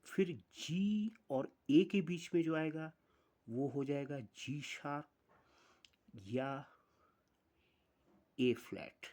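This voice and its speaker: A man teaches music theory as a patient, methodical instructor. He speaks slowly and deliberately in a slightly raised voice, counting through the notes one at a time. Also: on the high side, fairly even intonation, warm tone. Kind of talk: explaining music theory step by step.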